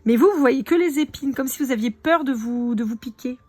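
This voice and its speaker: A woman's voice: sits high, brisk, dry recording. A woman giving a casual live card reading, chatting directly to her viewers. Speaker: tarot card reader.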